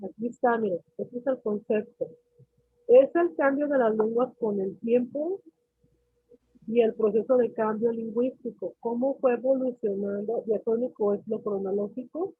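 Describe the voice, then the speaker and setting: A woman's voice: a little high, moderate pace, breathy edge, no room sound. A woman teacher lecturing a class, explaining with questions and acted-out student replies. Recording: tinny phone-like call audio with faint hiss.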